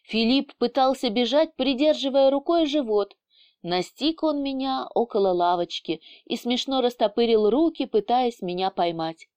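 A woman reading an audiobook aloud in a lively, teasing first-person storytelling manner. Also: fairly high pitch, moderate pace, clean tone, dry recording. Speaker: audiobook narrator. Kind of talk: scripted first-person narration.

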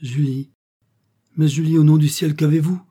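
Brief: man doing an impassioned young exile from a storybook, raised pitch, dark husky voice. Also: lively intonation, measured pace. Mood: pleading. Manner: impassioned, pleading declamation. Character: young exiled nobleman, passionate lover.

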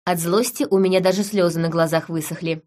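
A woman's voice: fairly low pitch, steady tone, brisk, darkish tone. Woman narrating a novel in first person. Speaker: audiobook narrator.

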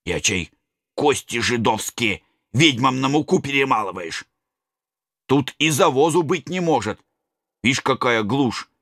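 A man's voice: mid-range voice, animated, unhurried, a bit bright, dry recording, studio quality. A man voicing an agitated middle-aged male servant, superstitious and blustering, with folksy exclamations. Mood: muttering.

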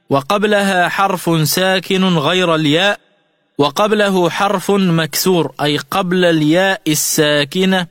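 A man teaching Quran recitation rules on a radio lesson, methodical and repeating each rule slowly. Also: high voice, a bit bright. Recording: studio radio voice with long reverb.

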